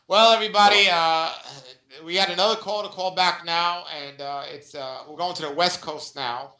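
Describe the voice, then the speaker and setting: A man hosting a call-in radio show with a smooth radio host delivery, greeting listeners and callers on air. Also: high voice, steady tone, moderate pace, bright, forceful tone. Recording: echoey roomy sound.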